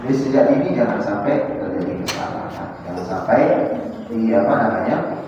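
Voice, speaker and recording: A man teaching Quran recitation rules in a prayer room, explaining reading mistakes and slowly chanting Arabic examples, and pausing on fillers while he thinks. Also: on the low side, lively intonation, noisy background. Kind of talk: tajwid lesson to a congregation. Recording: distant, dull and echoey in a hall.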